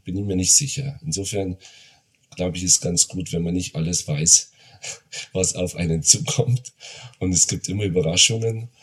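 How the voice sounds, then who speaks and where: A man in his forties talking in a casual podcast chat, thoughtful and restarting his sentences. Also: low voice. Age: 40s. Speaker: podcast guest, father.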